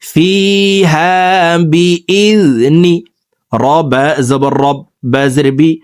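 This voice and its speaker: A man teaching scripture reading who spells out each word, then chants it in a slow, drawn-out way between brisk explanations to his viewers. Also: medium pitch, animated, a little mellow, smooth, no echo, clean studio sound. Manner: addresses viewers directly. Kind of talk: spelling-out recitation lesson.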